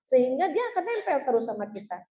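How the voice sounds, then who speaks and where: Warm-voiced woman religious teacher, echoey hall. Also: high voice, big pitch swings, fast. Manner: storytelling, keeps addressing listeners as "Bu"; earnest, heartfelt. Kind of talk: religious talk answering audience questions.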